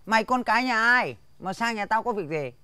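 A gruff old village chief, bossy and full of grunts. His voice leaps up and down in lively swings, and it sits dry and close with no room around it. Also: high voice, brisk, no echo, heavily acted. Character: grumpy old male village chief, stingy and boastful. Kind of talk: slapstick comedy film acting.

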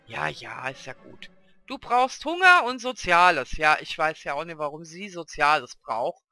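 A man's voice: high-pitched, sharp tone, no echo. A man casually commenting on his own gameplay as a let's play host, chatting to and coaxing the game characters along.

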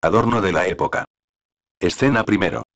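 A man reading a play aloud, announcing its stage directions slowly and evenly. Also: sits low. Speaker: reader.

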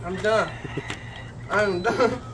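A woman's voice: medium pitch, very slow, fairly bright tone. A woman taking a food challenge, reacting casually and mumbling with her mouth full. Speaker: challenge contestant. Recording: noisy, distant from the mic.

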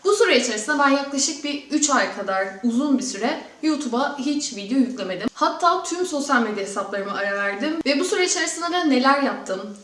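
A woman's voice: a little high, fairly bright tone. A woman in her mid-twenties talking casually to her viewers as a vlogger. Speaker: YouTube vlogger and host. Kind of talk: casual vlog talk to viewers. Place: echoey room in a newly moved-into home. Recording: echoey room.

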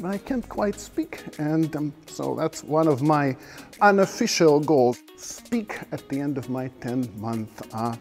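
A man's voice: medium pitch, a little mellow. A middle-aged man originally from Ukraine, a research fellow giving an earnest talk to camera in a greenhouse, with some fillers. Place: indoor greenhouse with plants.

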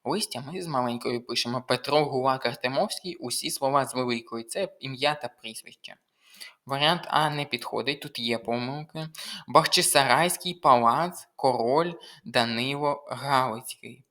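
A man's voice: mid-range voice, moderate pace, sharp tone. Young man walking through test answers. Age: young adult. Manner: reads options aloud, explains step by step. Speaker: language tutor. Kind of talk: test walkthrough lesson.

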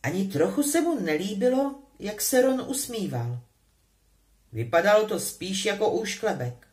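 A woman reading a novel aloud with an expressive, animated delivery. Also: medium pitch. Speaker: audiobook reader.

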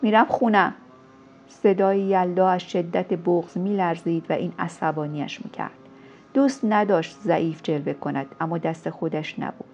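Woman, audiobook narrator, measured storytelling, gravelly voice, dull lo-fi recording. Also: on the low side, steady tone, dark tone, soft background music. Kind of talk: scripted novel narration.

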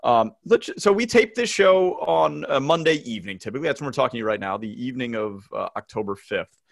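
A man's voice: medium pitch, animated, fast, creaky, dry recording. A man co-hosting a podcast from a small home studio room, bantering in a teasing, mock-outraged way. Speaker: podcast co-host. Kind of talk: casual chat.

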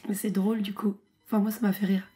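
A woman's voice: medium pitch, flat delivery, fast, warm tone, husky. A woman guest in a casual commentary chat, recovering from illness with her voice nearly gone, teasing and playfully complaining.

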